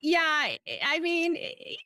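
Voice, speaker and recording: A middle-aged entrepreneur and author from Honolulu, Hawaii, appears as a podcast guest, chatting enthusiastically, laughing often, and telling stories casually. Her voice is very high-pitched and sharp, and she speaks slowly. The dry recording is studio quality.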